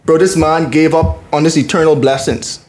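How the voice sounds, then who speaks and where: Male, highish pitch, informal slangy discussion style, emphatic repetition, roomy echo. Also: steady tone, normal speed, darkish tone. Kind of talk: casual faith discussion. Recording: echoey room.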